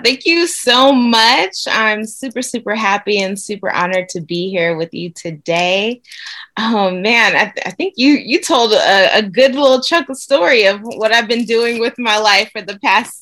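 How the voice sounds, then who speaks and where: A woman's voice: fairly high pitch, lively intonation, measured pace, fairly bright tone. A young adult woman from Nigeria, a doctor guest answering interview questions with upbeat enthusiasm. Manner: enthusiastic, upbeat, frequent fillers.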